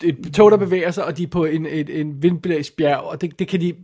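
A man with a notably high voice co-hosts a casual film podcast. He talks haltingly, repeats himself and keeps checking for agreement. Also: mellow. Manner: hesitant, repeats words, asks for agreement. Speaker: podcast co-host.

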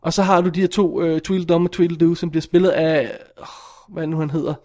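Brief: male podcast host, high tenor, animated and exasperated film critic. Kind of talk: casual film review chat.

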